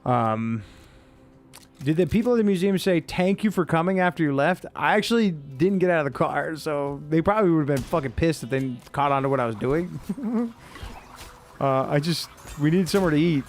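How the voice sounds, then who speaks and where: A young man from the United States casually talking with viewers while playing a game, laid-back and cursing often. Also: medium pitch. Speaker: streamer. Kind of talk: casual gameplay commentary.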